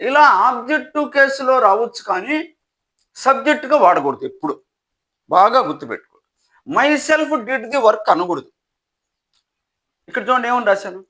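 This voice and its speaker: A man's voice: very high voice, sharp tone. An older man teaching English grammar step by step, asking rhetorical questions and reading out English example sentences. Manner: asks rhetorical questions to check understanding. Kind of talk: classroom explanation.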